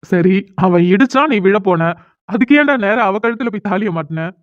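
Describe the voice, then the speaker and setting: A woman's voice: mid-range voice, normal speed, no room sound, natural voice. Woman playing a teasing young best friend. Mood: smug. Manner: mocking, amused, excitable. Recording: dry, tinny phone-like audio.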